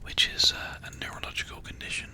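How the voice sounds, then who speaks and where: A streamer speaking in a soft ASMR whisper, chatting casually to viewers one by one on a livestream. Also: fast.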